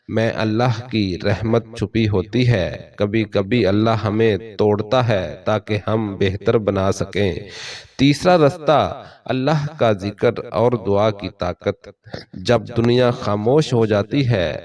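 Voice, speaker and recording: A man with a Pakistani Urdu accent giving a solemn, measured motivational sermon in a steady preaching cadence. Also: lowish voice, distant mic. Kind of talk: scripted motivational sermon narration.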